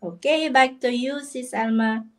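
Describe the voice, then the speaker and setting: A woman's voice: fairly high pitch, a little slow. A woman from the Philippines, a guest co-host, greeting everyone in a friendly way on a live stream.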